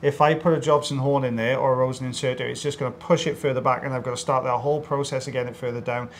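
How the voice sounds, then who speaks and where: This middle-aged audiologist with a South Welsh accent co-presents a procedure video, cracking jokes and talking casually to viewers. He's a fast talker with a mid-range voice and steady tone, recorded with slight background noise.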